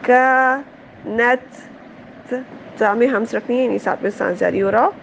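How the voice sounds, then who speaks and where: A patient woman teacher walks students through recitation sounds, one at a time, in a lesson. Her voice sits fairly high. The recording is a bit muffled, with a faint hiss underneath. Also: creaky. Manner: patient, repeats sounds slowly and checks with "ٹھیک ہے؟". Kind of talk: tajweed lesson, explaining pronunciation.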